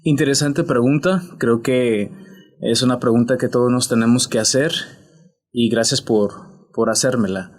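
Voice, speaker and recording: A Mexican man speaks as a priest in a podcast interview. He talks in a reflective, unhurried way and often restarts his sentences. His voice sits at an ordinary middle pitch.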